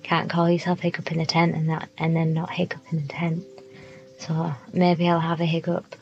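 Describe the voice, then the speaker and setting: Rambling, low-voiced young woman. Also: completely flat delivery, moderate pace, gravelly, darkish tone, highs cut off. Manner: rambling, self-deprecating, many fillers and swearing. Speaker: podcast host. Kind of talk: casual solo podcast monologue. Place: indoors, in a tent.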